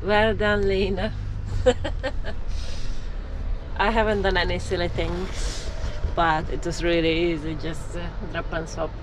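Woman trucker in her 40s chatting slow from the cab, loud engine rumble behind her. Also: level tone. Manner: slow, thinking aloud with fillers and restarts. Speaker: truck driver vlogger. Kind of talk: casual vlog narration. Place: truck cab and outdoors at a port. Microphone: camera mounted in the cab. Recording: loud engine and road noise.

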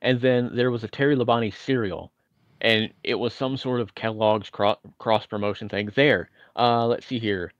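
A man's voice: fairly low pitch, moderate pace, no room sound, dull audio. A man from Indiana, podcast co-host, telling chatty, winding stories with self-deprecating asides. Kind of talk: casual nostalgic storytelling.

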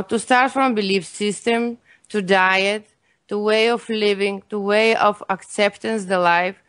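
A woman's voice: a little high, no echo. A Bulgarian woman, a guest health expert, earnestly explaining her views in English with non-native grammar and a Bulgarian accent. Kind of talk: interview answers.

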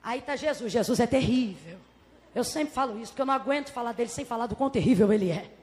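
A woman's voice: fairly high pitch, animated, quick pace. Brazilian woman, preacher, dramatic sermon, acts out quoted dialogue, long hall reverb. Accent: Brazilian Portuguese. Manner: dramatic, swings between shouted peaks and hushed asides.

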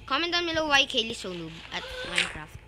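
A young female host chatting excitedly through a Minecraft let's play and teasing her brother. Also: high-pitched, quick pace. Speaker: gaming channel host. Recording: noisy background.

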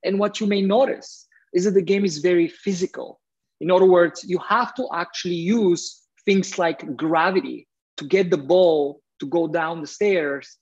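A middle-aged man from Bulgaria presents to a young audience in an earnest, friendly way, his words often broken by "uh" fillers. His voice sounds a little husky. It comes through muffled, lo-fi video call audio. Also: on the high side, a little mellow. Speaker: guest speaker, entrepreneur.

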